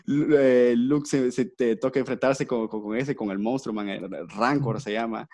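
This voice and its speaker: Gravelly podcast host. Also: male voice, medium pitch, normal speed, no echo. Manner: animated storyteller, acts out quoted lines, laughs often. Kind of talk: casual retelling of a film plot.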